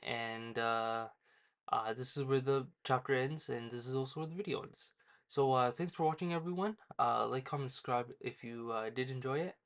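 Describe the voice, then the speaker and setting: A man hosting his own channel, casually retelling a manga chapter, full of fillers and quick quoted lines. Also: mid-range voice, fairly bright tone. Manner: loose, filler-heavy retelling with quoted dialogue. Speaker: manga reviewer. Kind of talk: casual recap.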